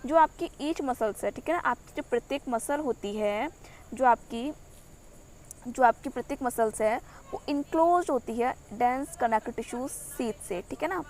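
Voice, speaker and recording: A young woman teaching a biology class, explaining a diagram step by step. She asks rhetorical questions, repeats a steady filler tag, and reads textbook lines slowly. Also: fairly high pitch, slight background noise. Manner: mixes in English phrases and reads textbook sentences slowly.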